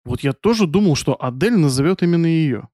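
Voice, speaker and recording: A man's voice: on the high side, expressive, brisk, mellow, no room sound, clean studio sound. A man co-hosting a podcast in casual banter, joking wryly and swearing freely. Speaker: podcast co-host.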